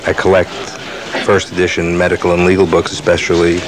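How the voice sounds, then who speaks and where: A man giving measured, halting explanations in an interview, as a medical expert. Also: deep voice, completely flat delivery, crowd noise, poor audio. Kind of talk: reflective interview soundbites.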